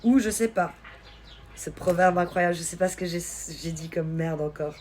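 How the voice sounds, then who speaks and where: A woman from Switzerland with a light Swiss French accent, hosting a live stream and chatting casually with viewers in a teasing, quick-witted way. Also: on the low side, darkish tone. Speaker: livestream host. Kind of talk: casual live-stream chat reading comments.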